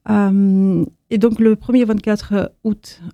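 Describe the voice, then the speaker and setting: A woman from Moldova answers interview questions in a halting way, often pausing and restarting. Her voice is very dark and mellow. The recording is dry and close. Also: medium pitch, flat delivery, no echo. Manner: hesitant, many fillers and restarts. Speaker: association founder.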